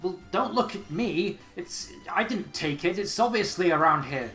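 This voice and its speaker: Pompous, dismissive wizard creature played by a man, slightly raised pitch, echoey room. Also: expressive, moderate pace, a bit bright, faint music behind. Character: haughty male wizard creatures.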